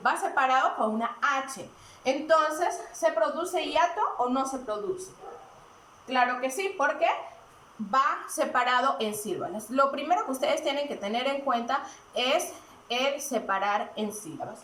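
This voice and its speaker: A woman teaching a recorded grammar lesson, asking questions and answering them herself in a deliberate, step-by-step way. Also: high-pitched, expressive, sharp tone. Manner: slow and deliberate, asks and answers her own questions. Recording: echoey room, mic at a distance.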